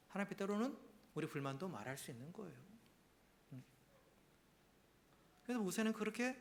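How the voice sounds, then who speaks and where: A man's voice: a little high, slight background noise. A man preaching a Sunday sermon in church, talking conversationally and often checking in with his congregation. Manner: swings between emphatic and hushed, near-whispered delivery. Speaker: pastor. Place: church during a Sunday service.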